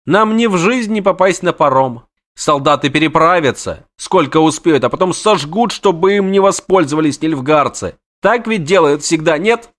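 A man's voice: on the high side, lively intonation, moderate pace, a bit bright, voice pushed up. A man voicing a panicky, talkative young male bard who pleads in breathless exclamations. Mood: pleading.

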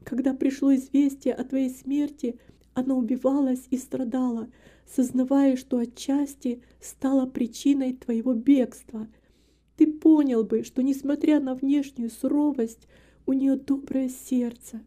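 A woman's voice: high voice, fairly even intonation, measured pace, warm tone, voice pushed up. A woman reading an earnest, tender young woman in an audiobook, with a raised, fervent, pleading manner.

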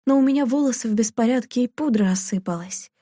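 A woman reading aloud, voicing a frail, injured mother who speaks weakly and softly. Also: on the high side, quick pace, no echo, clean studio sound, lightly acted. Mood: weak plaintive. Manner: weak, soft and plaintive. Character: frail, injured middle-aged mother, gentle.

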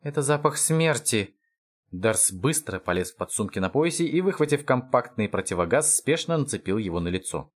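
A man reading an audiobook with wry, expressive scripted narration. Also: on the low side, fairly quick, slightly rough.

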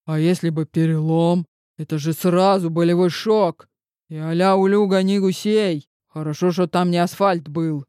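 A man's voice: sits high, fairly even intonation, moderate pace, a little mellow, clear, resonant tone, no room sound, studio quality, natural voice. A man reading an audiobook voices a chatty, grumbling male bodyguard who rambles on.

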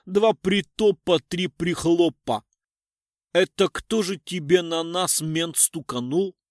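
A man voicing a shaggy, drunk male tramp who talks loud, brash and slangy. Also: fairly high pitch, slow pace, no room sound, clean studio sound. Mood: mocking.

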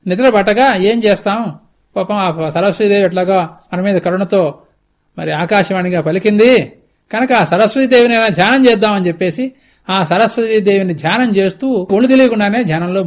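A man giving a religious discourse, retelling a scripture story in a conversational, explanatory way with lively asides. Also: sits high, a little fast. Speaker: spiritual teacher. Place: TV studio.

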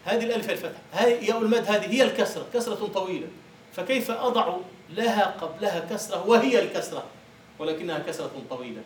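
A male university lecturer with a high-pitched, expressive voice talks at a quick pace, with slight background noise. He teaches by posing questions to his students and then answering them himself, recorded from far off in an echoey room.

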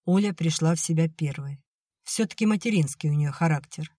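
A narrator reading a novel aloud in an even, measured way. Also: medium pitch, no echo, clean studio sound. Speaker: audiobook narrator. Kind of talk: scripted audiobook narration.

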